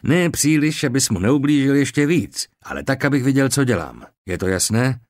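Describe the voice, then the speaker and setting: A male narrator voicing a calm, methodical Roman army surgeon in an audiobook, speaking in a steady, instructive, lowered tone. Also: dry recording, studio quality, natural voice. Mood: measured. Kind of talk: audiobook character reading.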